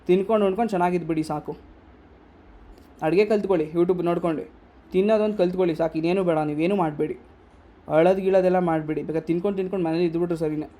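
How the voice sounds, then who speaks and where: A man's voice: high voice, fairly even intonation, fast, mellow. A young man with a Kannada accent giving a motivational workshop talk, scolding the audience with rhetorical questions. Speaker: workshop speaker.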